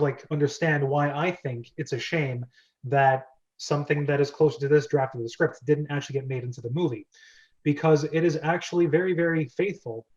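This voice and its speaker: A man leads a casual group chat for a script-reading club over a video call, rambling chattily and with enthusiasm. His voice is a little high but has a darkish tone. The call audio is dull and lo-fi.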